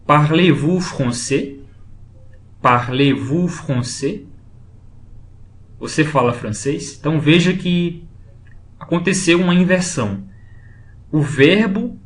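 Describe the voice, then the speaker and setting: A man explaining French grammar in a slow, patient lesson, saying each example phrase twice. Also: a little high. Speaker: French teacher. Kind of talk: screen-based language lesson.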